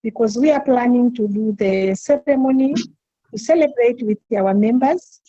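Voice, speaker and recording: A woman giving a halting update in an online meeting, her audio choppy and breaking up over a weak video-call stream. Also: on the high side, warm tone, no echo, dull audio. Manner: slow and halting with frequent restarts. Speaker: award-winning group representative.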